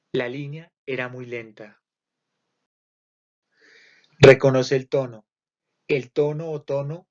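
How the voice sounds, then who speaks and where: A man reading a literature lesson aloud in a measured way, going through lists item by item. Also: mid-range voice. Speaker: literature teacher. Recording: muffled lo-fi recording.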